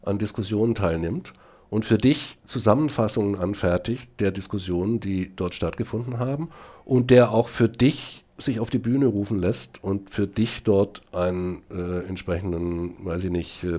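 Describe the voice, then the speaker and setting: A man's voice: deep voice, normal speed, warm tone. A middle-aged man, a researcher, talking as a podcast guest. He hesitates a lot and fills gaps with "ähm", then pushes his points hard. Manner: hesitant with many fillers, then emphatic. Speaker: guest, speech technology researcher. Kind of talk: podcast conversation.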